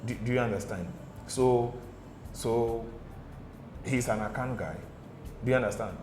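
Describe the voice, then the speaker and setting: This medium-pitched Ghanaian man speaks a little slowly as a casual studio interview guest, amid background noise. He's an animated storyteller who keeps dropping in "okay?" and "do you understand?". The room is echoey and music runs behind him.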